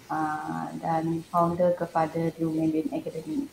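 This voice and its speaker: Woman, thirties, soft mellow tone, informal giggly chat, roomy noisy laptop recording. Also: sits low, little pitch movement, a little slow, vocal fry. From Malaysia. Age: 30s. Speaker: panel guest, language academy founder. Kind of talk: casual online panel chat. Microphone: laptop on an online call. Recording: echoey room with background noise.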